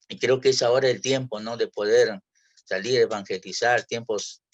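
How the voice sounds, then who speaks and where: A man shares his personal testimony before a congregation, earnest and halting, often restarting his phrases. His voice sits at an ordinary middle pitch. The recording sounds dull and lo-fi. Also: steady tone. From Peru. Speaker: church member giving testimony.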